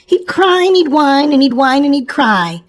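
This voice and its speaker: A woman with a high voice and wide pitch swings reads a storybook aloud at a normal pace. She hosts a children's show and narrates in an animated, exclamatory way, as if speaking to young children.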